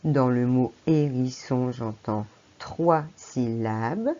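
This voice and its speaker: A woman's voice: rumbling low, slow, dark tone, lo-fi sound. A French woman teacher giving a patient phonics lesson to a young child, speaking to the child directly. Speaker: primary school teacher.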